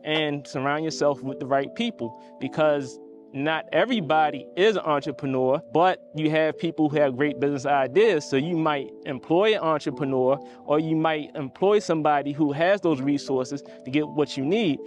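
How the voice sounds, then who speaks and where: A man co-hosting a podcast, explaining and summing up points in a steady, explanatory way. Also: fairly high pitch, normal speed, soft background music. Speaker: podcast co-host. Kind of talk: casual conversational discussion.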